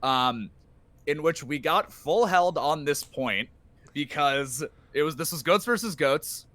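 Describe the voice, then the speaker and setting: Animated esports coach guy. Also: fairly high pitch, slow, dry recording. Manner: animated, swears casually, trails off quietly. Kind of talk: casual live-stream podcast chat.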